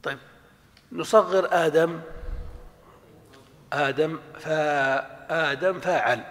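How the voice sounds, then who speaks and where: Arabic lecturer in an echoing hall. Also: male voice, on the high side, slow, a bit bright. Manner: asks the class questions and answers them himself. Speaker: professor. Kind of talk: classroom lecture on Arabic morphology.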